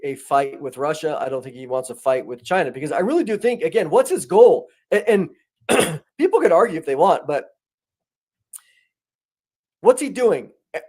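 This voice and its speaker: A man with a fairly high voice gives conversational commentary as a guest. He talks in an animated way, with many restarts. His emphasis keeps rising.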